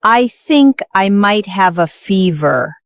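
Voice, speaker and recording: Very slow woman reading example sentences. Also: mid-range voice, expressive, no room sound, studio quality.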